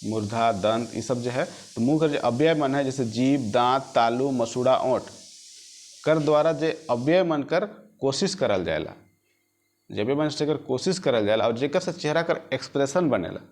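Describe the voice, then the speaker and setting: A man teaching an exam-prep grammar lesson. He repeats phrases, sounds out letters slowly and keeps checking whether the students follow. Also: mid-range voice, animated, darkish tone.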